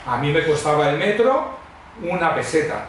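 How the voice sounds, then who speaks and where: A middle-aged or older man from Madrid, Spain, addresses a church congregation as a guest preacher, giving his testimony in a fairly high pitch at a moderate pace. He wanders conversationally through humorous anecdotes with plenty of expression. Recorded on a far-off mic in a very echoey hall with faint noise.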